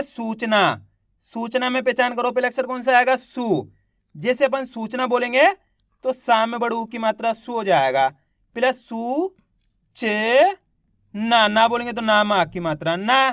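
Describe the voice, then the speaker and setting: A man's voice: very high voice, fairly bright tone, dry recording, clean studio sound. A man teaching beginners to read, sounding out each word syllable by syllable and answering his own questions. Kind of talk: reading lesson for beginners.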